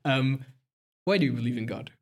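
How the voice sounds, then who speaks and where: A man hosting a podcast, asking questions in a casual, hesitant way with frequent pauses and restarts. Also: mid-range voice, animated, a little mellow. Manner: hesitant, many fillers and restarts. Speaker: podcast host. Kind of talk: casual interview.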